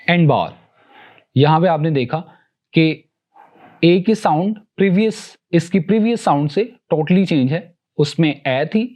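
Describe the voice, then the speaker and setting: A man teaching English pronunciation, explaining rules and slowly sounding out example words one by one, switching between Hindi-Urdu and English. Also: fairly high pitch, muffled recording. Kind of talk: recorded lesson.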